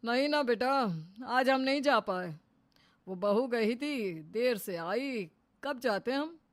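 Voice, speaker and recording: A woman's voice: on the high side, animated, slow pace, dry recording. A woman voicing a mild, reproachful elderly father-in-law in a cartoon story. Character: gentle elderly father-in-law, scolding mildly.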